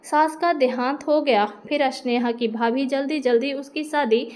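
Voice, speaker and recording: A woman narrating a dramatic first-person family story in a steady reading voice. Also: sits high, normal speed.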